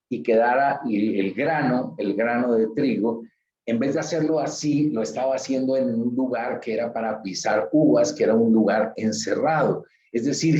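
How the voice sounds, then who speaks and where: A man's voice: medium pitch, dark tone, echoey room, dull audio, slight background noise. A man preaching a sermon as pastor, emphatic and repetitive, full of rhetorical questions. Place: church.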